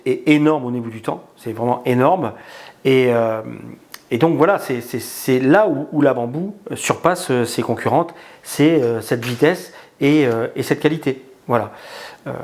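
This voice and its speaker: A man talks through a hands-on product review in a relaxed, unscripted way. He hesitates often, restarts phrases and fills pauses with drawn-out filler sounds. His pitch sits in an ordinary middle range. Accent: non-native in English words.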